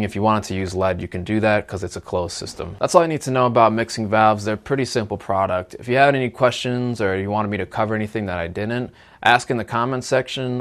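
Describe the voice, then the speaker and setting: A young man in his twenties walks through a plumbing product in an explainer video. His voice sits a little low and his delivery is plain and instructional. It is recorded cleanly in a studio. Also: fairly bright tone. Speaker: product presenter.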